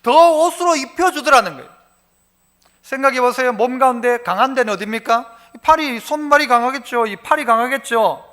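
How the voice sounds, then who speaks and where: Bright-voiced Gyeongsang-accented pastor preaching. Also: male voice, very high voice, animated, fairly quick. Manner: preaching with dialect asides and acted quotes, varying loudness. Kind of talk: sermon.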